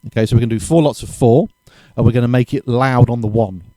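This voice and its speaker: A man giving a casual drum lesson, chatty and relaxed, correcting himself and counting beats aloud, with drums played between his explanations. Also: mid-range voice, fast talker, dry recording. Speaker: drum teacher. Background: drumming between explanations.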